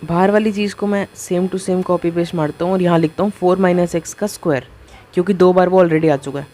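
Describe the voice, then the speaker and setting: A man giving a casual math lecture, talking through each step as he writes and keeps asking the viewer quick rhetorical questions. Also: high-pitched, fairly even intonation, dark tone. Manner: talks through each step while writing. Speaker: math teacher.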